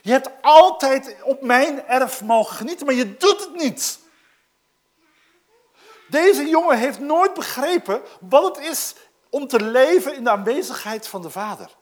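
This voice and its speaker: A preacher delivering a sermon and explaining a scripture passage, moving between loud, emphatic passages and hushed, almost whispered asides. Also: high-pitched, lively intonation, measured pace. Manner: explains a scripture text to a congregation.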